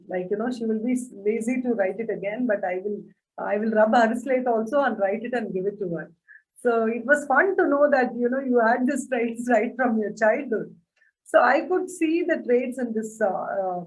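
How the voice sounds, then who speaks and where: A woman's voice: medium pitch, darkish tone, far from the mic, low-quality recording. Earnest woman, slightly off-mic. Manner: earnest, many fillers like "you know". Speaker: speaker on a panel. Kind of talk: reflective talk with anecdotes.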